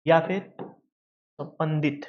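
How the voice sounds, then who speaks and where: A man's voice: fairly high pitch, steady tone, slow, dull audio. A male teacher giving a lecture, who asks questions and answers them himself and calls his students "beta". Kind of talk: classroom lecture.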